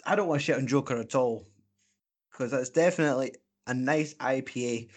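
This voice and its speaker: A man's voice: medium pitch, a little fast. A man co-hosting a casual beer podcast, bantering in a joking, blunt way. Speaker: podcast co-host. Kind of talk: casual chat.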